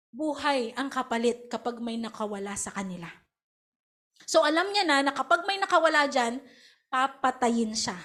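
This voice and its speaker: A woman pastor with a Filipino accent preaches in lively Taglish. Her voice sits high. She drops into acted quotes of other people as she goes. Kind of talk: sermon.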